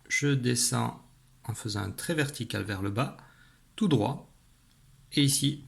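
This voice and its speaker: A primary school teacher with a medium-pitched voice teaches a young pupil a spelling rule in an online lesson. He is patient and clear, slowing down as he demonstrates.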